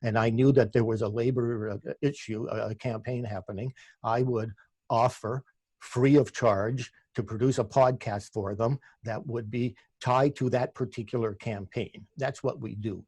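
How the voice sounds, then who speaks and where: A man's voice: mid-range voice, fairly even intonation, moderate pace, a little mellow, slightly rough, dry recording. A man with a Canadian accent, a radio producer talking as a guest in a casual interview, often restarting and repeating words.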